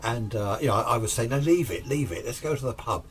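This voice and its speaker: A British man tells a personal story in a casual, conversational way, acting out what each person said. His voice is mid-range and expressive, and he talks fast, with slight background noise in the recording.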